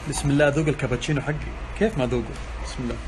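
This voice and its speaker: A man's voice: medium pitch, steady tone, rapid-fire. A man chatting playfully and exclaiming as he vlogs to his phone from his car. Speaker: social media vlogger. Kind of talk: casual chat to phone camera. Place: in a car and at a petrol station. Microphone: phone held by hand. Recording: phone recording with loud traffic noise.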